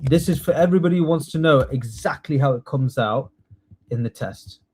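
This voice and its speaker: A man teaching a live online class, lively and coaxing, repeating key words slowly for his students. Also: medium pitch, slightly rough. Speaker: test training tutor.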